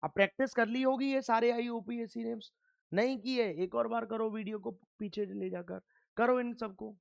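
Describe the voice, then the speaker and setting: A man's voice: extremely high pitch, fairly even intonation, moderate pace, creaky, dry recording, clean studio sound. A man teaching a chemistry lecture, firmly drilling students by asking questions and answering them himself. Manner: firm, scolding reminders to pay attention. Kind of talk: classroom lecture.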